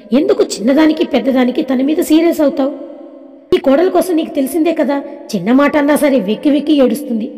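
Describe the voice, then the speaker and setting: A woman's voice: high voice, warm tone. A woman reading the lines of a caring mother-in-law who fondly scolds her daughter-in-law and son in a storybook tale. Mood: scolding. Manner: fond, coaxing scolding. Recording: long reverb.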